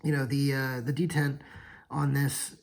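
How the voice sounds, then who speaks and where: A tired man yawns late at night while casually showing off knives on his channel, rambling and frequently correcting himself. His medium-pitched voice is gravelly, flat and a little slow, and the recording quality is low.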